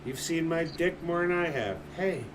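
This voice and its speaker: A man's voice: a little high, animated, normal speed. A man in his forties, a livestream host, chatting casually in a blunt, swearing manner. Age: 40s. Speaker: streamer. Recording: distant mic with background noise.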